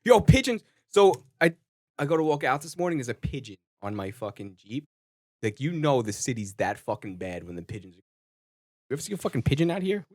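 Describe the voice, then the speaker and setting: Young guy rambling and cussing on a podcast, lively voice, really dry mic. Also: mid-range voice, brisk, no echo. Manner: swears constantly, rambling storyteller. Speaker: podcast co-host. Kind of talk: casual comedy banter.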